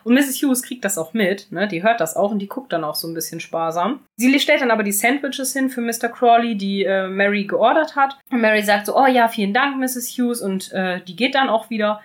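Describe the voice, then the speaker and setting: A woman's voice: mid-range voice, brisk, hardly any pauses. A young woman, casually recapping a TV episode and acting out its scenes, laughing often. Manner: animated, laughs often, reads out scenes in quoted voices. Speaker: podcast host recapping a TV episode.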